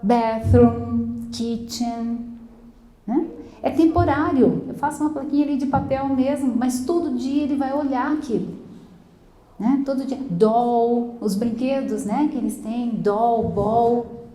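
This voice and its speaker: Warm-voiced teacher in an echoey room. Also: female voice, on the high side, slow pace. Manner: explanatory, keeps tagging sentences with "né?", mixes in English words. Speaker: English teacher at a school. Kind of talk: talk to parents.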